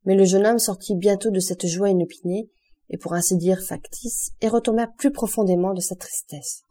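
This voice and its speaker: A woman reads a classic novel aloud for an audiobook, keeping a steady, measured pace. Her tone is very dark and mellow, sitting at an ordinary pitch. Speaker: audiobook reader.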